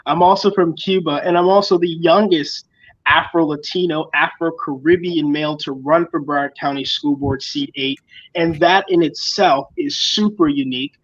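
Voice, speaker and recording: A young man from the Bahamas lays out his campaign with confident, speech-like conviction. His voice sits a little high. The recording is dull and lo-fi. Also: fairly even intonation, moderate pace, fairly bright tone. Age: young adult. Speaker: school board candidate. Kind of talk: campaign interview.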